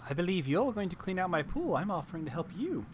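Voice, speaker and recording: A man's voice: high-pitched, very animated, fast, voice pushed up. A man doing an erratic old frog hag. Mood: scheming. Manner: jumps between topics, sweetly polite. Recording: noisy stream audio.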